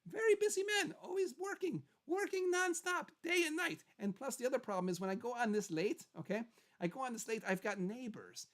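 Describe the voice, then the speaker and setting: Chatty skeleton host, played by a man, high skeleton-character voice, rambling livestream patter with repeated phrases. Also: expressive, brisk, fairly bright tone. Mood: chatty, upbeat. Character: animated skeleton character, chatty male puppet show host. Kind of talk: casual in-character livestream chat.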